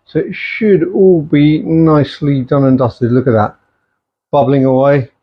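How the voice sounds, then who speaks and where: A man's voice: a little high, fairly even intonation, unhurried. A middle-aged man casually showing home cooking in his kitchen, chatting easily and slipping in Punjabi-Urdu phrases. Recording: dull lo-fi home recording.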